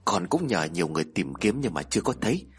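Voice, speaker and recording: A man voicing a worried young father who talks plainly and earnestly, with a husky tone. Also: sits low, sing-song, fast, pitched below the performer's own voice, full character voice.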